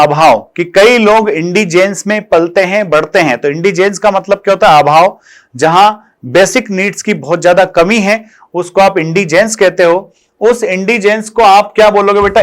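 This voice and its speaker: A man teaching English vocabulary in Hindi in an online exam-prep lesson, calling his students "beta" and posing questions he answers himself. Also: sits high. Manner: addresses students fondly as "beta" and "bachche", asks and answers his own questions.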